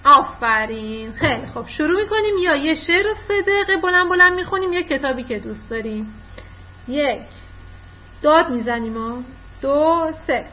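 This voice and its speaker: A woman teaching children in an online class, encouraging them and quick with praise. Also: sits high, animated. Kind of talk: online class, coaching children to read aloud. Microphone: video call. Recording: dull lo-fi online call audio.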